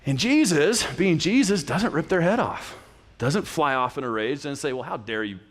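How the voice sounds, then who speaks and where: A man's voice: a little high, sing-song, moderate pace. A man in his thirties, a pastor giving a casual, conversational sermon that often restarts its phrases. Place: church sanctuary. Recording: reverberant church hall.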